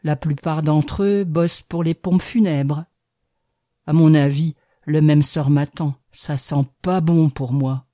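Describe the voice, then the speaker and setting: A cynical fir tree in a storybook, tossing off wry, slangy remarks in a mellow, close voice. A woman voices it while reading. The sound is dry and near. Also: deep voice, fairly even intonation, takes it slowly, no echo. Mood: sarcastic. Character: sly fir tree, sharp-tongued and cynical. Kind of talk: audiobook reading.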